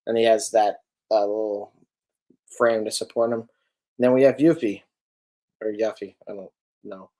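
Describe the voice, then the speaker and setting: A man's voice: lowish voice, flat delivery, moderate pace, long pauses, warm tone. A man co-hosting a podcast, talking casually and rambling with lots of filler words as he looks over figures. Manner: rambling, full of ums and likes, self-correcting. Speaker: podcast co-host reviewing collectible figures. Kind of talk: casual chat.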